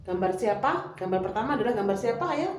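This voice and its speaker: A woman's voice: medium pitch, expressive, quick pace, darkish tone, slight background noise. Echoey classroom teacher woman. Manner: coaxing, prompting pupils with questions. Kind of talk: classroom lesson. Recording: echoey room, mic far off.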